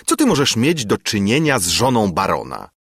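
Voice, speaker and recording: A man's voice: medium pitch, lively intonation, unhurried, breathy edge, no room sound, clean studio sound, pitched above the performer's own voice. A man reading aloud, voicing a stern, sarcastic old grandfather who scolds his young cousin.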